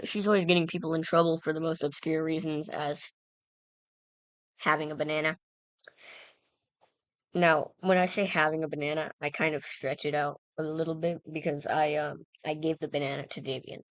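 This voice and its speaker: A woman's voice: deep voice, fairly bright tone, dry recording. A woman casually telling a funny anecdote, rambling and self-interrupting with lots of fillers and playful self-mockery. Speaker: storyteller.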